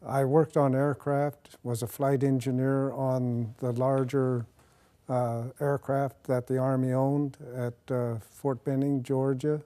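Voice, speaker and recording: In a quiet studio with a dark backdrop, an older retired army officer from Nebraska, miked with a lapel mic, is interviewed about his service. He answers plainly and at a measured, relaxed pace, with frequent pauses and fillers. His voice is warm and mellow, middle-pitched, and his tone stays level.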